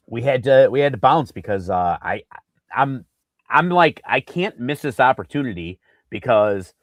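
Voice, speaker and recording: A man co-hosting a casual sports podcast, telling an animated story with lots of fillers and acted-out quotes. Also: mid-range voice, no echo. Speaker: podcast co-host.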